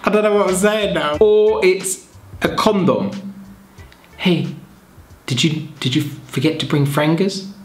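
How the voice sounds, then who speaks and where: A man chatting casually to his viewers, self-mocking and thinking out loud. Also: high-pitched, lively intonation, moderate pace, over music. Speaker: vlogger. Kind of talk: casual vlog chat. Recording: echoey room.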